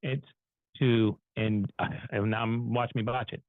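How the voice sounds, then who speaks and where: On an online video call, a man co-hosts an online finance show, telling personal stories in a casual, folksy, rambling, self-deprecating way. His mid-range voice has little pitch movement and a slightly slow pace. The audio is dry and muffled, like a phone call.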